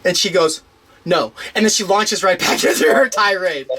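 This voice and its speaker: A man telling a long personal story in casual conversation, rambling with restarts and fillers, animated as he retells events. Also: high-pitched, a little fast. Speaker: interviewee.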